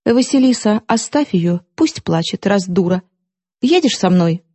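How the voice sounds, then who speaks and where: In a dry recording, a woman with a medium-pitched, lively voice reads an audiobook a little slowly. She voices a defiant young woman who mocks and lashes out at her sister, delivering scornful, sharp, impassioned outbursts.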